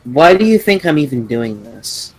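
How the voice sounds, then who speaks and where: A man's voice: on the high side, very animated, moderate pace, poor audio. A man talking casually as a player in a tabletop role-playing game, partly in character. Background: background music.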